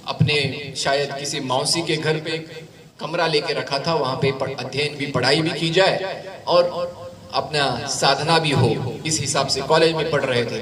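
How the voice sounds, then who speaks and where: A man lectures on a spiritual figure in a conversational, storytelling way, with asides to the audience. His voice sits a little high. He is picked up from a distance in an echoey hall, with a crowd present. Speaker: spiritual speaker.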